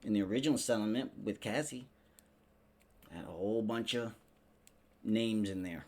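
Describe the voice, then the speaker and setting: Hosting a laid-back commentary show, a man rants and imitates people using sarcastic, slang-heavy, profane talk. His voice sits fairly low, moves at a normal speed, and sounds a little mellow. Background noise is clearly audible.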